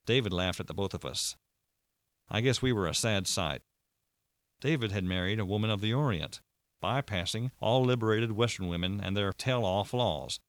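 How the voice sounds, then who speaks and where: A man's voice: on the low side, normal speed, dry recording. A man narrating a first-person audiobook in a dry, wry storytelling manner.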